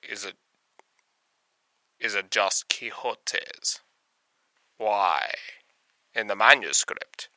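A man's voice: fairly low pitch, pushed and bright, no echo, exaggerated voice. A man voicing a pompous, fussy male professor character who talks in grand, archaic phrases. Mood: haughty. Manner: pompous, theatrical, archaic words. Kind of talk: comedic podcast intro in character.

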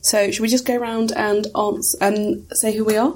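A woman's voice: medium pitch, flat delivery, moderate pace, a little mellow. A woman of twenty-seven hosting a podcast, chatting frankly and laughing often. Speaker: podcast host. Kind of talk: casual chat.

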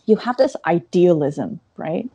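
A woman in her thirties, an interview guest, telling her career story in an animated way with quick asides. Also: lowish voice, creaky, husky, no echo.

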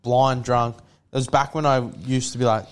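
A man's voice: medium pitch, level tone, normal speed, clean tone. A young man telling stories in casual, slangy, sweary, laddish chat. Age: young adult.

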